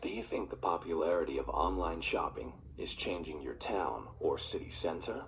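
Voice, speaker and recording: A man reading formal exam questions in a measured way, heard played back through a laptop speaker. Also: low-pitched, very animated, gravelly, a little hiss or hum. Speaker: exam examiner recording. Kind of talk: scripted test prompts.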